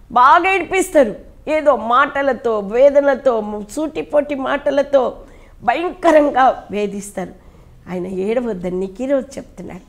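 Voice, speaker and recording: A woman pastor with a Telugu accent, preaching a sermon fervently, swinging between loud rises and hushed drops. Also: on the high side. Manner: repeats pleading prayer lines ending in "ayya".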